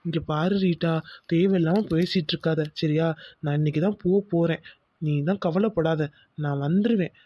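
A man's voice: a little high, normal speed, no echo, muffled recording, close to an everyday voice. A man voicing a young husband who firmly reassures his wife in a village cartoon. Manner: firm, reassuring. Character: young husband, firm yet caring.

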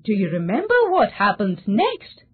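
A woman's voice: mid-range voice, huge pitch swings, moderate pace, breathy edge. A woman voicing a grave inner voice of conscience that questions a young man sternly. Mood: accusing. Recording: tinny phone-like sound.

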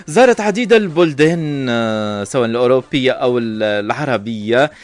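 A man's voice: medium pitch, lively intonation, a little fast. A man with a Tunisian Arabic accent hosting a live radio interview, chatty and welcoming. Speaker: radio host. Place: radio studio.

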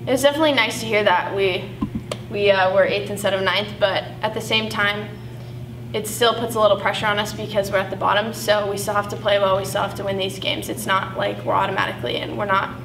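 A young woman, a college basketball player, giving composed, matter-of-fact post-game answers. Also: mid-range voice. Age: young adult. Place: indoor press conference room. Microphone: table mic from a distance. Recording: echoey room with hum, distant mic.

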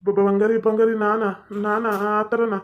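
A man's voice: high-pitched, flat delivery, a little slow, phone-quality sound. A man playing a fretful, stammering husband in a village comedy sketch. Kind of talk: comic sketch acting.

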